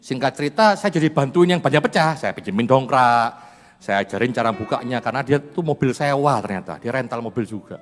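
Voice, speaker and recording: A man's voice: medium pitch, expressive, brisk. A man, a pastor, preaching a sermon in a chatty storytelling manner and laughing often. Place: church hall. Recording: reverberant church hall, faint music.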